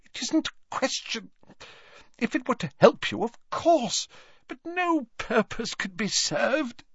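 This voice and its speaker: A man voicing a pompous, tipsy, weepy old male potions master in a storybook reading, with a high, warbling, fluttery voice that drops to a hush when he is upset. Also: big pitch swings, slow, breathy edge, dry recording, highs cut off, heavily acted. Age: older.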